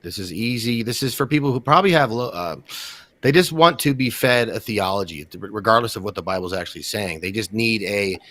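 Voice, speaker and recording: A male guest on a live panel talks in a relaxed, casual way and drops critical remarks as he goes. His voice sits a bit low. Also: brisk. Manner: relaxed, critical commentary with asides.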